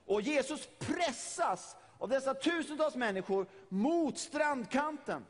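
A man's voice: extremely high pitch, lively intonation, long reverb tail, faint music behind. A middle-aged man from Sweden preaching a sermon, retelling a story vividly and often repeating his words.

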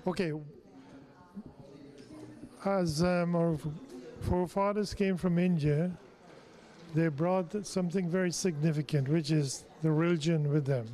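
Mellow-voiced man, measured. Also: on the high side, fairly even intonation. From Guyana. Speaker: temple president. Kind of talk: interview answers.

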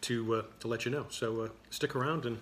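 A man hosting a show, chatting in a relaxed, rambling way over a dinner table, often restarting his sentences. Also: medium pitch, fairly quick, slight background noise. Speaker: show host. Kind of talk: casual chat over a dinner. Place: dining table indoors.

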